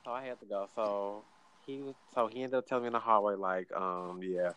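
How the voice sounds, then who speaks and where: A man's voice: fairly low pitch, a little fast, a bit bright, highs cut off. A man with a St. telling a story in casual chat, dry and laid-back, full of "like" fillers and acting out the people he quotes.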